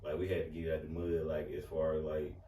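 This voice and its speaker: A man with a Southern accent from Alabama, a rapper guest telling his story slowly and calmly in a casual interview. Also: a bass voice, a little hiss or hum. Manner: slow, laid-back storytelling. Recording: echoey room, mic at a distance, faint ambience.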